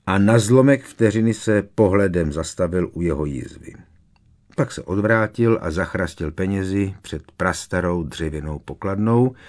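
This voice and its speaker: A male audiobook narrator reads a fantasy story in a steady, measured way. His voice is notably deep and low. The delivery is calm and even. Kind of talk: scripted narration.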